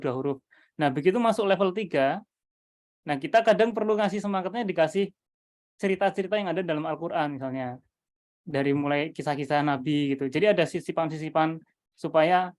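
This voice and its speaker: A man's voice: fairly high pitch, darkish tone. A man presenting his Quran reading method to teachers over a video call, thinking aloud with many fillers and restarts.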